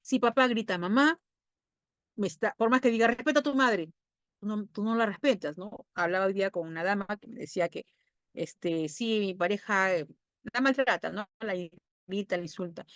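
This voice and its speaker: A woman's voice: medium pitch, brisk, no echo. A woman with a Peruvian accent, a child psychologist giving an informal talk to parents. She speaks conversationally, often tags "¿no?" and briefly acts out parents and children. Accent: Peruvian Spanish.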